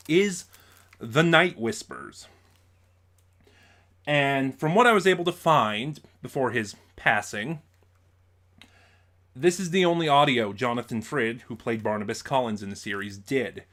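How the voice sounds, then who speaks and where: In a mid-range, slightly bright voice, a man does a casual unboxing vlog of audio dramas he's purchased. His explanations ramble, and he corrects himself often.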